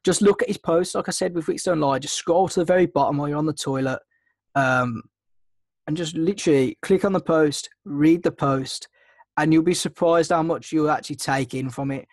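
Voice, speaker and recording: A man with a fairly quick, high-leaning voice and a slight cold teaches a trading webinar as its mentor-host, casually walking through a screen share. He rambles, with lots of ums and restarts. There's no room sound.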